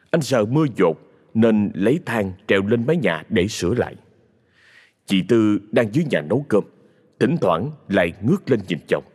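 Male horror narrator, lowish husky voice, lively delivery, long reverb over faint music. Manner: dramatic, expressive.

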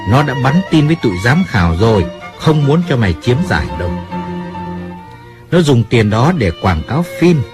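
A man voicing a calm, businesslike male family adviser in an audiobook, speaking firmly and plainly. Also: medium pitch. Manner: measured, firm, businesslike.

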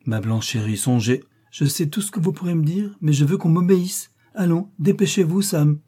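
A man's voice: medium pitch, expressive, normal speed, mellow, slightly rough, voice pushed up. A man voicing a fussy, fretful aristocratic mother in a storybook reading.

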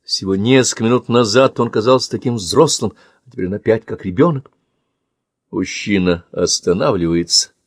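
A man's voice: low voice, husky, no echo, studio quality. A man narrating a novel in the first person with a tense, emotive delivery. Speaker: audiobook narrator.

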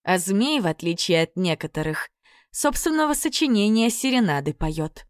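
A woman's voice: medium pitch, sing-song, moderate pace, no echo, clean studio sound, lightly acted. A woman voicing a haughty young tsar's daughter who speaks coldly and imperiously. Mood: icy, scornful. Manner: icy, imperious.

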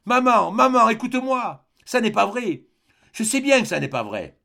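A frantic young son, his voice jumping high as he cries out and pleads, put on by a male reader. The tone is lively and urgent, with a gravelly edge underneath. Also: a little slow, heavily acted. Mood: pleading. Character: desperate young man, devoted son pleading.

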